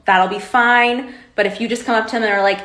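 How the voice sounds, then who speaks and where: A chatty young woman with a slightly high voice gives casual advice straight to camera. She sounds candid and a little sarcastic. The room around her is echoey. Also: fairly even intonation, a little fast, fairly bright tone. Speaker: vlogger.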